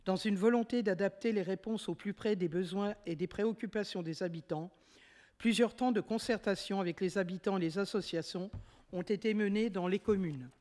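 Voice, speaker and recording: Woman councillor, formal report read aloud, measured and steady, long chamber reverb. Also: medium pitch. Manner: steady, measured reading with occasional self-corrections. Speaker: municipal councillor presenting a motion. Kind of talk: formal reading of an administrative report.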